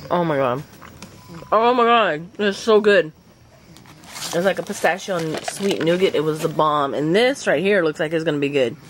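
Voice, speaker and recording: Woman vlogger, lowish voice, excitable and chatty, noisy home setup. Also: normal speed. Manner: excitable, gushing, talks to her dog. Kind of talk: casual unboxing chat. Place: at home with her dog.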